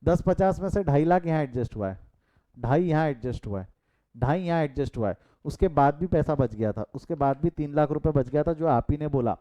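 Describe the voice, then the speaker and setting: A middle-aged man with an Indian accent leads a live online class in a mellow voice that sits a bit high. He switches between Hindi and English, throws questions at his students and drifts into chatty side stories. He is recorded close on a call mic. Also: expressive, a little fast, highs cut off. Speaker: commerce teacher.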